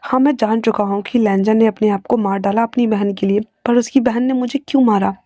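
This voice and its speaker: A woman's voice: on the high side, fairly even intonation, brisk, dark tone, no echo, natural voice. A woman voicing a frightened but defiant young man who talks in an agitated, pleading way. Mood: upset.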